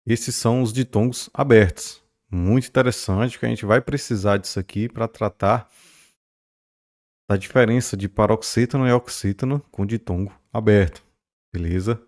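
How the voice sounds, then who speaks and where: A man whose voice is fairly low and darkish talks at a moderate pace while teaching grammar in a recording. He elongates stressed syllables as examples and regularly pauses to check on his students with "né?" or "beleza?".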